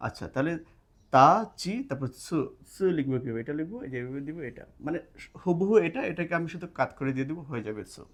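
Quick and animated, with a fairly high voice, a man teaches a language casually at a board indoors. He breaks things down step by step and keeps checking in with his listeners, while a camera mic captures him writing in the classroom or study room.

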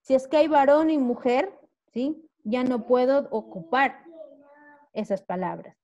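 A Spanish-accented woman teaching English over a video call, speaking slowly and deliberately. Her voice sits a little high, and she moves between the two languages, checking understanding as she goes. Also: expressive, darkish tone, muffled recording. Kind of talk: online class teaching.

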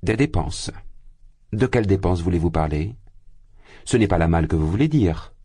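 A man's voice: deep voice, animated, normal speed, warm tone, slightly rough, no room sound, studio quality, heavily acted. A man reading the lines of a protective older mother in an audiobook, reproachful and heated in turn. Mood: outraged.

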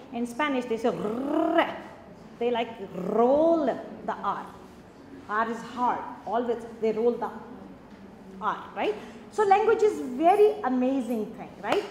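Woman professor, high voice, long hall reverb, engaging the room. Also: slight background noise. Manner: animated, demonstrative, asks the audience questions. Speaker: professor giving a lecture. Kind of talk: lively classroom lecture. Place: lecture hall.

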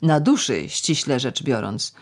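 A woman's voice: very deep voice, animated, breathy edge, exaggerated voice. Reader voicing a bitter, mocking tipsy woman. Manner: sardonic, ironic, with drawn-out slow words. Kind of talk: audiobook character reading.

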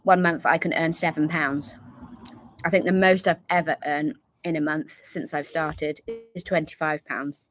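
A woman's voice: low voice, steady tone, normal speed. A woman chatting casually on a van-life livestream, rambling and apologetic, inside a camper van. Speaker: livestream co-host.

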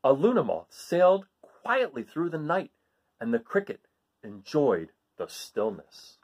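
A middle-aged man reading a children's picture book aloud in a theatrical way, with dramatic pauses and hushed phrases. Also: a little high, huge pitch swings, slightly rough. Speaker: read-aloud storyteller. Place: small living room at home.

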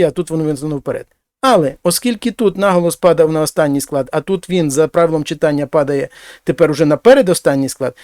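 Man teaching Spanish in a dry room. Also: no echo. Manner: explains slowly, speaks example phrases louder and higher. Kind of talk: language lesson.

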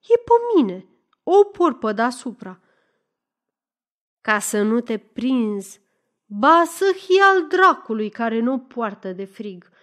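A woman's voice: a little high, very animated, pauses often. A woman voicing a defiant, quarrelsome young peasant woman who protests shrilly in an audiobook story.

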